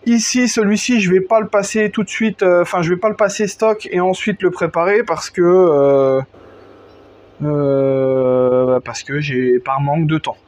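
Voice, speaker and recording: High-voiced chatty French workshop vlogger. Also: male voice, fairly even intonation, unhurried, a little mellow. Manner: chatty, many fillers, slangy, talks to the viewer. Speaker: moped tuning vlogger. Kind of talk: casual workshop vlog. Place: outdoors under a gazebo in front of his house.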